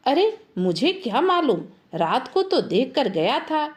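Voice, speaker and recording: A woman's voice: sits high, very animated, measured pace. A woman voicing a distraught, irritable village farmer man who has lost his buffalo. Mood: irritated. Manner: grumbling, irritable.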